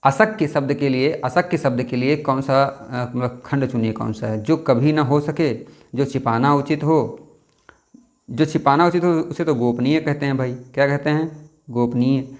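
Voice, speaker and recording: Man, young adult, teacher, exam practice lesson, thinks aloud, drags out words while spelling, middle pitch. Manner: thinks aloud, repeats words and corrects himself; drawls words out slowly to spell them.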